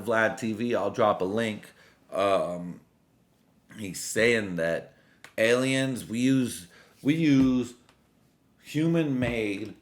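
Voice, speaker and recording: A man in his late twenties on a drunk, loose, rambling casual solo rant, full of slang and swearing. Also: low-pitched. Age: late 20s. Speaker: vlogger.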